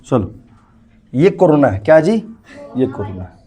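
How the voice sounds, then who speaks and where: A man's voice: medium pitch, very animated, unhurried, dark tone, breathy edge. A young male teacher giving a classroom lecture, often asking the class questions and acting out the body with sound effects.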